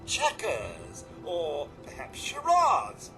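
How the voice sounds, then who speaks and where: A man's voice: a little high, huge pitch swings, very slow, music in the background, heavily acted. An actor voicing a polite, fussy male robot butler in a video game, formal and courteous and always calling the listener sir. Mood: distressed. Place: game soundtrack with music behind.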